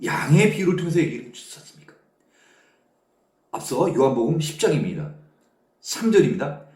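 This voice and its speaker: A man's voice: on the high side, big pitch swings, brisk, darkish tone, reverberant. A man preaching a Bible study, explaining each verse in casual speech and acting out the quotes.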